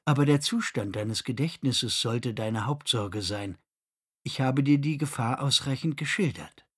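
A male narrator voicing a nursing machine that speaks quietly, patiently and firmly. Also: medium pitch, unhurried, husky.

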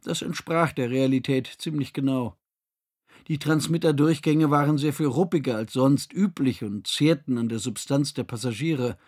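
Male audiobook narrator, husky, mid-pitched, even and measured.

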